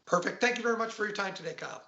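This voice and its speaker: A man's voice: sits high, racing, sharp tone. A man hosting a broadcast interview, introducing and questioning a guest, on slightly lo-fi audio. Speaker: programme host, interviewer.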